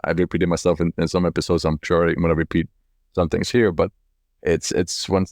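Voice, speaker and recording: A CEO from Cali, Colombia, in his forties, casually recounts his life story in an interview, thoughtful and chatty, with repeated words. His deep, slightly mellow voice stays level and moves fairly quickly. The studio sound is clean, with no room sound.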